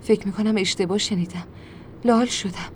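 A woman's voice: mid-range voice, steady tone, a little hiss or hum. A woman narrating a dramatic first-person story in an emotional voice. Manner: emotional, shifts to screaming anger in dialogue. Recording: music behind.

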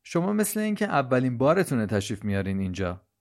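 A man's voice: medium pitch, very animated, a little mellow, voice pushed up. A man playing an anxious husband who has waited up late, in an audio story reading, with a tense, tired, questioning manner. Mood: uneasy. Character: anxious man waiting at night.

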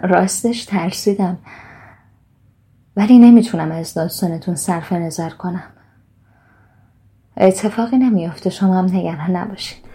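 A woman's voice: on the low side, pauses often, warm tone, natural voice. A woman playing a young visitor in a radio drama, nervous but determined to hear a frightening story.

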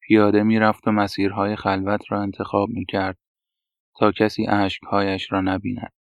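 Brief: man reading narration, quiet and even, gravelly tone, close dry sound. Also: on the low side, no room sound. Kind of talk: scripted storybook narration. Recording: dull, dry lo-fi recording.

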